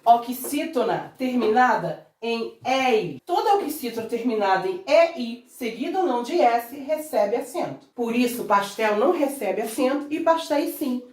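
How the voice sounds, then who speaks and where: Standing at a classroom board, a teacher with a Brazilian Portuguese accent walks children through a grammar lesson, stretching words out syllable by syllable in a coaxing way. Her voice is on the high side and expressive, at a moderate pace with few pauses. The recording is distant and roomy.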